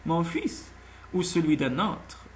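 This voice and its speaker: A man's voice: a little high, big pitch swings, slow pace, slight background noise. Narrator doing cold cynical rich guy, dry and sceptical, audiobook. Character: cynical, cold wealthy young man. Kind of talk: audiobook character voice.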